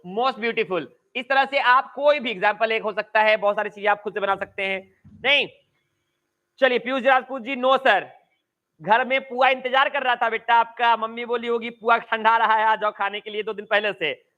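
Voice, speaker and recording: High bright-voiced Bihari Hindi teacher. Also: male voice, lo-fi sound. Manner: drawls and repeats key phrases slowly, chatty asides to students. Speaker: English grammar teacher. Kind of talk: online class lecture. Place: coaching class at home.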